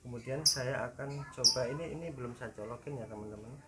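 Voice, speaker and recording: A man's voice: medium pitch, fairly quick, noisy background. A man giving a casual DIY how-to demonstration at home, talking to viewers like friends. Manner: relaxed, talks straight to viewers as friends. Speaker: DIY tutorial maker.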